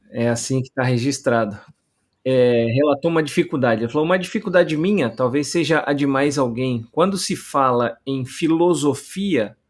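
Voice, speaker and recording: Male podcast host, reads listener questions with wry asides, pitch a touch high. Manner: reads comments aloud with joking asides. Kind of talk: casual theological podcast chat.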